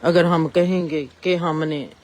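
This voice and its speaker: A woman's voice: sits low, fairly even intonation, slow, darkish tone. A woman gives a reflective spiritual discourse and asks rising rhetorical questions. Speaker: spiritual speaker.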